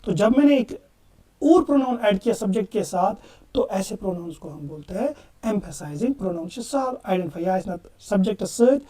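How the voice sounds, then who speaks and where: A man's voice: sits high, expressive, normal speed, warm tone, distant mic. A man teaching English grammar in a classroom-style lecture, explaining emphatically and addressing students fondly as children. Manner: emphatic, calls students "beta", mixes English examples into Hindi.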